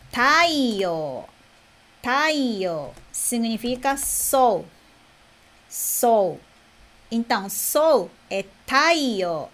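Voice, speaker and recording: Slow, patient woman teaching kanji. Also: on the high side, fairly bright tone. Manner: repeats words slowly, tags with "né?" and "ok?". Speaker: Japanese teacher. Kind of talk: kanji lesson.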